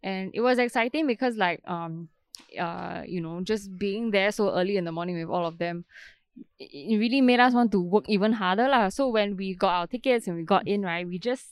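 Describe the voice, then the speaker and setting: A Singaporean woman chats in easygoing Singlish, sharing stories like a podcast co-host. Her voice sits at a middle pitch in a dry, close recording. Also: a little fast, clear, resonant tone, no room sound. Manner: Singlish, with particles like lah and eh. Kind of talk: casual chat, telling travel stories.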